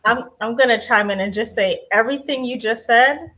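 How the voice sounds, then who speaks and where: A woman's voice: on the high side, moderate pace, sharp tone. A woman on a panel who chimes in casually and agrees with the others. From Guyanese family.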